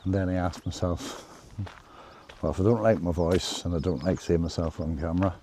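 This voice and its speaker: With a deep, dark voice and steady tone, a man speaks a little fast to the handheld camera he carries on a nature walk. His travel vlog is casual and rambling, with plenty of hesitations and restarts. Slight background noise can be heard.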